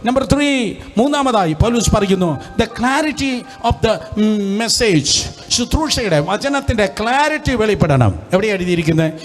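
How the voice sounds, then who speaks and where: Animated high-voiced Malayalam preacher. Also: male voice, moderate pace. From India. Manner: repetitive call-and-response, leads congregation in repeating phrases; peppers speech with hallelujah and praise exclamations. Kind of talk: Bible study sermon. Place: hot room with lights and fans.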